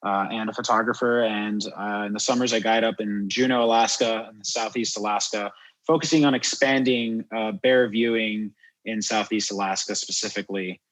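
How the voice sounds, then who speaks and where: A wildlife photographer and guide, born in France and brought up in Miami, talks casually and thoughtfully as a guest on a podcast interview. His voice is on the low side, steady and a bit bright, at a moderate pace, captured on a rough recording.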